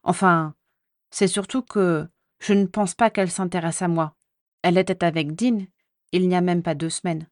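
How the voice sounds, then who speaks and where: A woman voicing a jealous, defensive teenage boy wizard in a quiet, guarded tone. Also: lowish voice, steady tone, moderate pace, no room sound, clean studio sound, natural voice. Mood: earnest.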